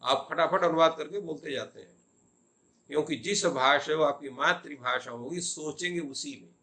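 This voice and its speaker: A man's voice: a little high, normal speed, sharp tone. An older male professor lecturing on Sanskrit grammar, posing questions and answering them himself. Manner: explanatory, asks and answers his own questions.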